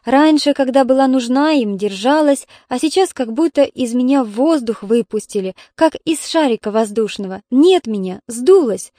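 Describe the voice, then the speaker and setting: A woman's voice: sits high, lively intonation, normal speed, few pauses, dark tone, no echo, clean studio sound. A woman voicing an old grandmother, a retired nurse, stubborn and tearful, speaking in a pleading, plaintive way. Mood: resigned.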